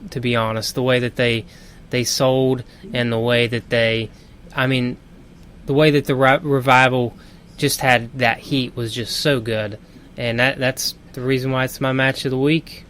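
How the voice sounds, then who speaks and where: A man's voice: mid-range voice, flat delivery, unhurried, a bit bright, a little hiss or hum. A young man co-hosting a wrestling podcast, talking with enthusiasm in casual chat. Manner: enthusiastic, picks match of the week. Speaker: podcast co-host.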